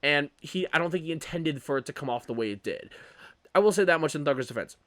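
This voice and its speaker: A young man hosting his own podcast, talking casually and rambling with frequent self-corrections and animated opinions. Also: fairly high pitch, quick pace, dry recording. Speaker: podcast host. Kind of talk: casual solo podcast commentary.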